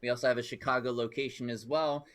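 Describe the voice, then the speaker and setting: A man's voice: mid-range voice, steady tone, fast, fairly bright tone, a little hiss or hum. A man hosting a casual live-streamed game show, upbeat and welcoming, often laughing with guests.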